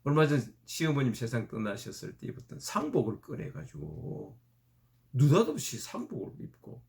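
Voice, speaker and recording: A male pastor preaching a sermon in an animated storytelling manner. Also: medium pitch, normal speed, vocal fry.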